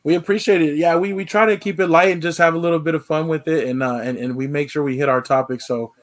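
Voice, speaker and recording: A man hosting a casual sports podcast, laid-back and relaxed, with frequent fillers. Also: a little high, fast. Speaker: podcast host. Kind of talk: casual sign-off chat.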